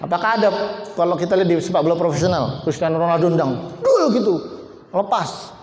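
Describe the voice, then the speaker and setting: A fairly high-pitched man gives an emphatic motivational talk to a company team. He hammers on key words and teases people in the audience by name. His voice rings through a roomy hall with a long reverb tail. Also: big pitch swings, fast, darkish tone. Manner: emphatic, repeats key words, jokes with named audience members. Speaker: motivational speaker.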